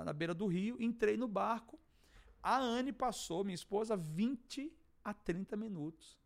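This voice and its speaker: High-voiced Brazilian man telling a dramatic story. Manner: dramatic, acts out dialogue, swings from hushed to shouting. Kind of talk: animated testimony storytelling.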